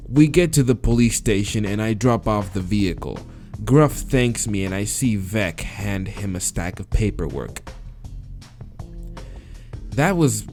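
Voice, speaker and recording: Over game music, a let's-play host narrates a visual novel in a fairly low, dark voice. He's casual and crude and occasionally trips over his words.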